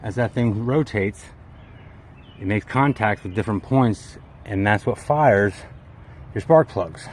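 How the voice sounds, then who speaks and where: Speaking unhurriedly in a voice on the low side, this man walks around his vehicle build on camera, folksy and off-the-cuff, with plenty of hobbyist slang. A little hiss or hum sits under the recording.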